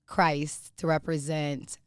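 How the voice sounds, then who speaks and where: A woman actress being interviewed, telling her story in an earnest, animated way. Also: deep voice, slow, clean tone, no room sound, studio quality. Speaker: actress guest. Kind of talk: casual interview talk.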